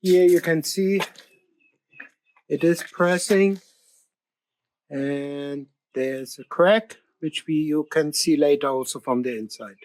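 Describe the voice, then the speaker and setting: This German native speaker, a calm man from Germany with a slightly high voice, co-hosts a channel and narrates, shifting between relaxed chat and tour commentary. He's steady, pausing often with uh and um. The recording is rough.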